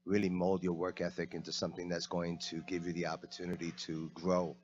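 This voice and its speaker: An actor guest from the Bronx, New York, talks casually and hesitantly, with many ums, into a handheld mic for an interview. His voice sits low, with a flat delivery, a fairly quick pace and a slightly mellow quality. The lo-fi recording sounds dull.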